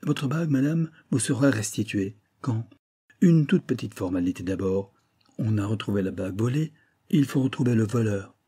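A sly, self-assured police inspector who needles his chief with dry irony, as a male reader voices him in an audiobook. The voice is low, husky and mellow, lifted a little and pushed louder than the narration. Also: lively intonation, normal speed. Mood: calm. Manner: ironic, teasing. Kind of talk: audiobook character reading.

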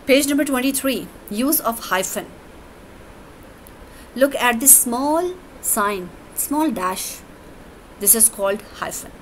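A woman teacher, giving a deliberate grammar lesson that moves between English and Urdu. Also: fairly high pitch, expressive, a little hiss or hum, poor audio.

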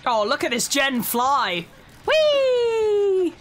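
Excitable high-voiced woman streamer. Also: unhurried, background noise. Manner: excitable, swears and laughs often. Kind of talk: casual gameplay commentary.

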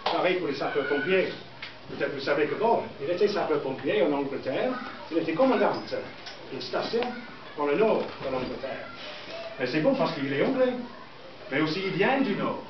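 High-pitched English man teaching, echoey classroom. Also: lively intonation, moderate pace. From southern England. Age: middle-aged. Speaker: primary school teacher. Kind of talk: classroom lesson. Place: indoor school classroom with pupils. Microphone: distant camera microphone. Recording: echoey noisy classroom, muffled, from far off.

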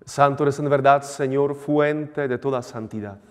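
A man priest celebrating Mass, reciting the liturgical prayers in a measured, solemn way, his voice ringing with cathedral echo. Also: mid-range voice, steady tone. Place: large church. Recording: long church reverb.

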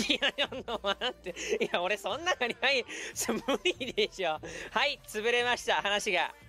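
A man giving lively live commentary while streaming a game, breaking into quick shouted reactions and laughs. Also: sits high, soft background music.

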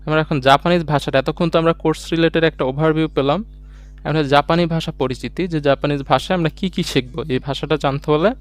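A man teaching an online language class, explaining step by step and asking himself questions as he goes. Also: mid-range voice. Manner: explains step by step, reads out syllable charts; rhetorical questions, mixes English words into speech.

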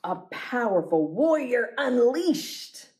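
Her voice sits on the high side as she reads picture books aloud for a children's storytime. She phrases each line deliberately and expressively.

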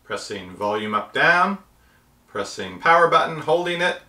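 In a small room with echoing acoustics, a man in his fifties sits at a table hosting a tech tutorial, explaining each step with care. His slightly high voice is sing-song, bright and forceful, at a moderate pace.

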